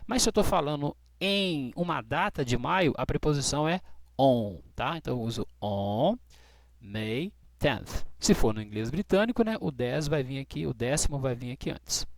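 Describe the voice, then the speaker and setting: Man, English teacher, lively voice, dry recording, patient, slow model phrases. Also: medium pitch, gravelly, dry recording. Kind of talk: classroom explanation.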